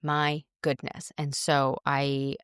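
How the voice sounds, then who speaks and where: A woman's voice: very deep voice, monotone, a bit bright, clean tone, no room sound, studio quality. A woman podcast host telling a story in a chatty, exasperated way and quoting the people she dealt with. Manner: chatty, exasperated, quotes others in quick asides. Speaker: podcast host and running coach. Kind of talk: casual storytelling monologue.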